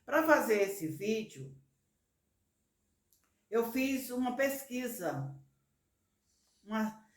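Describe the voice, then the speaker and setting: Lady teacher, super slow and careful, roomy echo. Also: mid-range voice, a bit bright. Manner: patient, stretches example words syllable by syllable. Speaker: Portuguese teacher.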